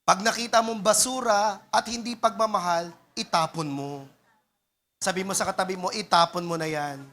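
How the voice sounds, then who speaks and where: A man's voice: high voice, normal speed, fairly bright tone. A man with a Filipino accent preaching a sermon in a call-and-response manner, mixing Tagalog and English. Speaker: pastor.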